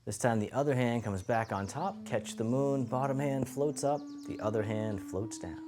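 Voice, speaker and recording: A man teaching tai chi, cueing each movement step by step in a gentle, encouraging, unhurried way. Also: mid-range voice. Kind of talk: guided movement lesson, calm step-by-step cueing. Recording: music playing behind the voice. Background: music.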